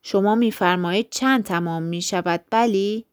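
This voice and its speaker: A woman's voice: mid-range voice, clear, resonant tone, no echo, clean studio sound, lightly acted. A woman voicing a blunt, dismissive male tailor in a storybook reading. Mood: curt.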